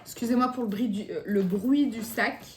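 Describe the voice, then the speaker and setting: A woman's voice: on the high side, normal speed, noisy background. A young woman with a Belgian French accent, chatting casually through a shopping haul at home, hesitant and full of fillers. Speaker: vlogger. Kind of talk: casual grocery haul chat. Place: home, near the kitchen.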